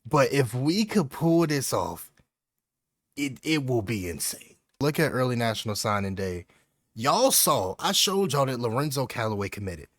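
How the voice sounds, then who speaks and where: A young man giving live commentary over his own football video game, talking to himself and bursting into yells on big plays. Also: medium pitch, big pitch swings, normal speed, no room sound, studio quality. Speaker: gaming YouTuber.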